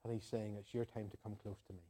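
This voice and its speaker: Mellow Northern Irish preacher man. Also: fairly low pitch, little pitch movement, fast talker. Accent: Northern Irish, Ulster. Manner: earnest, conversational, repeats phrases for emphasis. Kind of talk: sermon to a congregation, with homely anecdotes and prayer.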